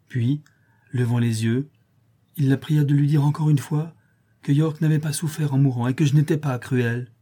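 Husky, mellow male storyteller. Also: mid-range voice. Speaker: audiobook narrator. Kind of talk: scripted narration.

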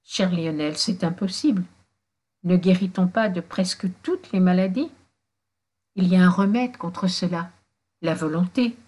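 A woman's voice: on the low side, a little slow, darkish tone. Woman reading as a tender, pleading young wife. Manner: earnest, pleading.

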